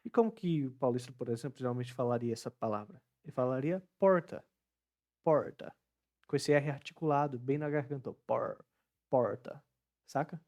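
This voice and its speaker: A man's voice: medium pitch, quick pace, few pauses, mellow. A young man from the Northeast of Brazil with a Northeastern Brazilian Portuguese accent, teaching English pronunciation in a casual online lesson and repeating words to show the sounds.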